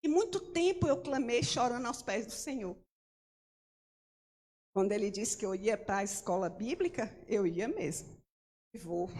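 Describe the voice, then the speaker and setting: With a mid-range, slightly rough and somewhat mellow voice, a middle-aged woman missionary preacher gives an emphatic testimony sermon. She frequently calls out to the congregation, and the church hall adds long reverb.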